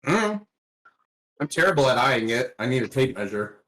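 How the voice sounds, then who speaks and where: A man co-hosting a family livestream from home, talking in a relaxed, offhand way. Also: medium pitch, brisk, reverberant, slight background noise, poor audio. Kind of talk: casual chat. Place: home kitchen.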